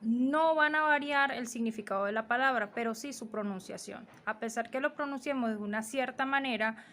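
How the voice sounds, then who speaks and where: Woman explaining a lesson, higher voice. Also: moderate pace, a bit bright, slight background noise. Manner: explanatory, with fillers and restarts. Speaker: teacher. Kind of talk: recorded lesson on phonetics.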